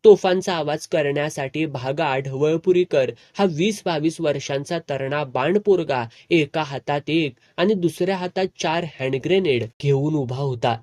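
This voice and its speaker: A man reading a serialized novel aloud with vivid, expressive storytelling. His voice sits fairly high for a man, and the recording is close and dry. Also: unhurried, few pauses, no room sound. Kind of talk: dramatic audiobook narration.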